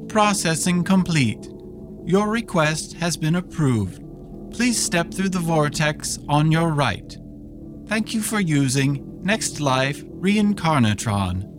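Someone voicing a slow sexless afterlife machine. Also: medium pitch, over music. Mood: formal. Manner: monotone, formal, deliberate announcements. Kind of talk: radio comedy sketch.

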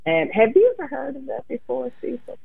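A woman co-hosting a casual radio talk show, her voice scratchy, pausing often with fillers and restarts. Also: high voice, very animated, gravelly, husky. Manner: halting, many fillers and restarts. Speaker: co-host. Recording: tinny phone line.

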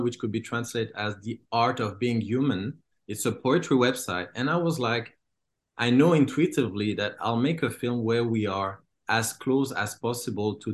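Hesitant man from Congo. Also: mid-range voice. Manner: hesitant, many fillers and restarts. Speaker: filmmaker. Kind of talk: interview.

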